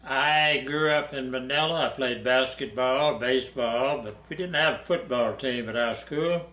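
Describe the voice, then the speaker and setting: A man in his eighties from Arkansas, recalling his life in an interview with a dry, unhurried storytelling manner and easy chuckles. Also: medium pitch, pushed and bright, echoey room, rough recording. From Arkansas, USA. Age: 80s. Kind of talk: reminiscing interview. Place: dark studio backdrop, indoors.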